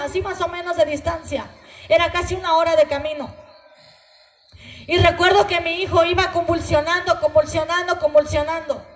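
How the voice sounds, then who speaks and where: A woman's voice: very high voice, reverberant. Mexican woman giving a tearful church testimony. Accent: Mexican Spanish. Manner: emotional, earnest storytelling to a congregation. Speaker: testimony speaker at a church gathering. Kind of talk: spoken testimony.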